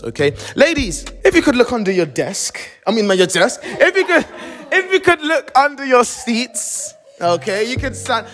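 A man's voice: very high-pitched, a bit bright. A young man hosting a dating game show in a studio, holding a mic, playful and teasing. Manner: playful, teasing, laughs a lot. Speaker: host. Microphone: handheld mic.

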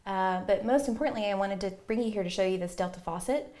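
A woman in her forties explains plumbing fixtures for a TV segment, confident and chatty. She pauses with fillers as she goes, and her voice sits at a medium pitch. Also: a little mellow. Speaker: plumbing supply rep. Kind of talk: product explanation in a TV interview. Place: inside a home bathroom.

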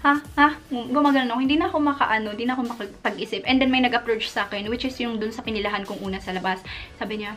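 A woman's voice: fairly high pitch, steady tone, racing, soft background music. A young Filipino woman with a Filipino accent, a beauty vlogger chatting casually and animatedly through a personal story, with plenty of fillers. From Philippines.

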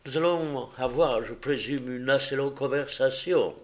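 A man voicing a calm, sharp-eyed detective who speaks in a patient, precise, polite way in an audiobook. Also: medium pitch, moderate pace, pitched above the performer's own voice, lightly acted. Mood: composed.

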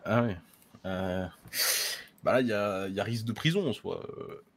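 A man's voice: fairly low pitch, animated, normal speed. A man playing a helpful, patient townsman in a western roleplay, hesitant and full of fillers. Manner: hesitant, many 'euh' fillers. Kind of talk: in-character roleplay.

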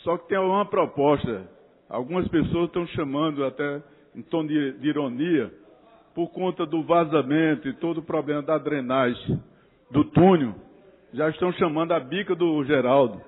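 A man, a city councilor giving a formal, critical speech to colleagues with halting restarts and Your Excellency address. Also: fairly high pitch, breathy edge. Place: council chamber. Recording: reverberant chamber over a tinny narrow-band feed.

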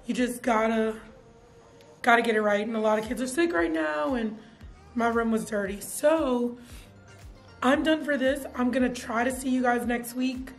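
A young woman, a teacher chatting casually to camera in her classroom, animated and full of fillers. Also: a little high, normal speed, faint music behind. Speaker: middle school science teacher. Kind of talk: casual vlog chat. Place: classroom, indoors.

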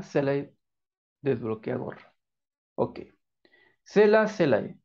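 A man's voice: on the high side, darkish tone, lo-fi sound. A man with a Mexican accent teaching a lesson in quiz style, answering his own questions and praising the viewer. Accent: Mexican Spanish.

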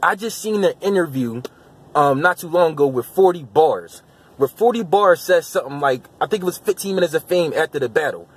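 A young man giving casual commentary to his viewers, with loose, repetitive slang, getting louder and higher as he argues. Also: lively intonation, fairly quick, breathy edge. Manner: loose, repetitive slang, rising heat when arguing. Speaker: vlogger.

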